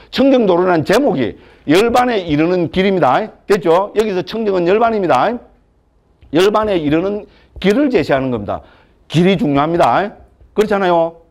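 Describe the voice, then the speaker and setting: A Buddhist monk gives a scripture lecture, his fairly high voice swinging up and down. He keeps it chatty and joking, tossing rhetorical questions at the class. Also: lively intonation, a little fast, darkish tone.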